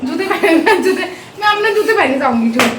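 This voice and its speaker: Woman vlogging at home, high quick voice, teasing n mock sulking, echoey room. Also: animated. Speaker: family vlogger talking to viewers. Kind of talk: casual home vlog banter. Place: inside a home, near stairs. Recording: echoey room with background noise.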